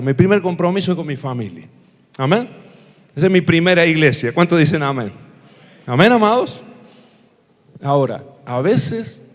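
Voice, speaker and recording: Argentine pastor preaching in an echoing church. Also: male voice, on the high side. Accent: Argentine Spanish, Córdoba. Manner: calls for amens from the congregation, reads scripture slowly. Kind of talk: sermon. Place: church sanctuary. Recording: long church hall reverb.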